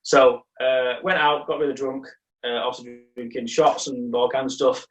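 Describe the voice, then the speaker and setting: A man's voice: medium pitch, steady tone, normal speed, far from the mic. Young male podcast co-host, rambling and self-mocking, voice well off the mic in an echoey room. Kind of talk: casual chat, storytelling.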